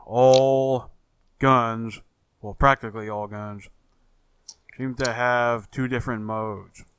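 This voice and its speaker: A man co-hosting a casual gaming podcast, talking in a slow, agreeable and hesitant way. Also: medium pitch, steady tone, fairly bright tone, smooth, dry recording. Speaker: podcast co-host.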